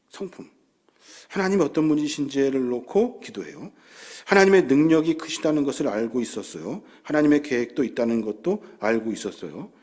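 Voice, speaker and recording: A male pastor delivering a sermon in a church, asking the congregation questions and acting out sample prayers. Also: mid-range voice. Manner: animated, rhetorical questions, acts out prayers. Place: church sanctuary.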